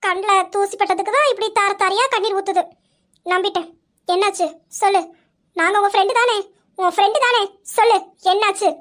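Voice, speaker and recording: Inba is a worried, pushy young friend in an amateur audio drama, who keeps pressing with scolding questions, as a woman voices her. Her voice sits very high. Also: fairly quick, a bit bright. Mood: insistent.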